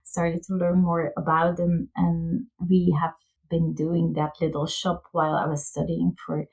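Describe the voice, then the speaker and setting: A woman's voice: on the low side, completely flat delivery, measured pace, darkish tone, poor audio. Chatty Belgian woman, guest on a podcast. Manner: chatty, laughs often, searches for words. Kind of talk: casual interview.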